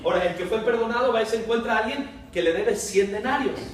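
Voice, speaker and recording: A man's voice: sits high, fast. A man preaching an evening sermon, putting questions to his congregation and reading scripture aloud. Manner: calls out questions and the congregation answers back; reads scripture aloud, raising his voice for dialogue. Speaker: pastor. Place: church sanctuary. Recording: very echoey hall, from a distance, faint hiss.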